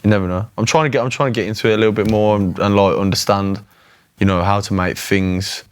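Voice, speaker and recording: Hesitant low-voiced Brummie man. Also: steady tone, fast talker. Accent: Birmingham. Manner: hesitant, restarts, slangy. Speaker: band member, guest. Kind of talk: casual chat.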